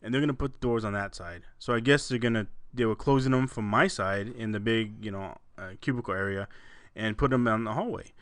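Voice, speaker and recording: A man's voice: lowish voice, brisk, fairly bright tone, no echo. A man hosting a casual podcast, telling rambling anecdotes, often breaking into laughter and swearing freely. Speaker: podcast host.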